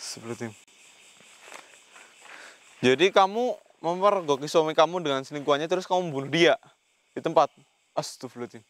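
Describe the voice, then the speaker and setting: A man's voice: on the high side, normal speed, long pauses. Commanding man confronting a spirit. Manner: recites Islamic prayers between questions. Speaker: paranormal investigator host. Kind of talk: ghost-hunting vlog commentary.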